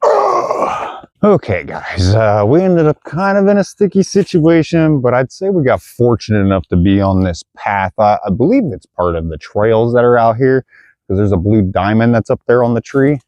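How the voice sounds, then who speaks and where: A man's voice: mid-range voice, big pitch swings, normal speed, warm tone, no room sound. A man vlogging his disc golf round outdoors, chatting casually to viewers as he plays and sounding out of breath on a hilly course. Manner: chatty, addresses viewers as guys. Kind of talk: casual play-by-play narration.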